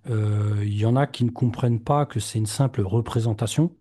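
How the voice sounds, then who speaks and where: A man hosting a podcast in casual chat, relaxed and hesitant, with many fillers. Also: fairly low pitch, brisk. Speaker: podcast host.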